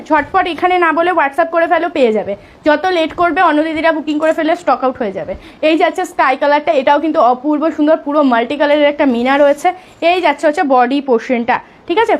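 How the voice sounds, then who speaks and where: Brisk high-voiced woman selling sarees. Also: slight background noise. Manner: brisk, repetitive, urging viewers to book fast. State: sore throat, talking softly. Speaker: saree seller on a live stream. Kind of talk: live sales pitch.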